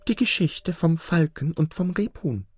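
A man narrating a fable and voicing a sly fox with lively, expressive delivery. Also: a little high, unhurried, loud music behind the voice. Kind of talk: storytelling narration.

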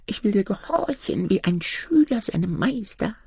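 A man voicing a small, timid, admiring hare in a storybook reading, speaking softly and pleadingly. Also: sits high, big pitch swings, normal speed, creaky, slightly rough, no room sound, clean studio sound, voice pushed up, exaggerated voice. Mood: eager pleading.

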